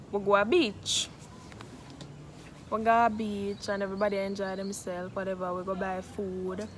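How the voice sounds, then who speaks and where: A woman with a Jamaican accent telling a casual, gossipy story in Patois, like phone gossip, acting out what was said. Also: mid-range voice. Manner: animated retelling with acted-out quotes in Patois. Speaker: storytelling vlogger. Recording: noisy background.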